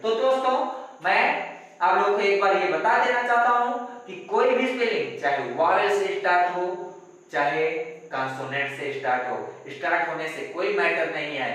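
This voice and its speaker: A man teaches grammar classroom-style at a moderate pace, his high-pitched, fairly bright voice full of lively intonation. He works step by step, spells words letter by letter and asks rhetorical questions, sounding far off in a very echoey room.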